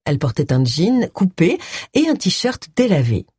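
Husky-voiced woman narrating a story. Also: on the low side, big pitch swings, a little slow, dark tone, no echo, studio quality. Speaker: audiobook narrator. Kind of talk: scripted narration.

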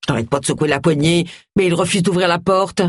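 A woman's voice: fairly low pitch, fast talker, husky, no room sound, studio quality. A woman voicing a short-tempered middle-aged vicar who bellows in irritation. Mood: grumbling.

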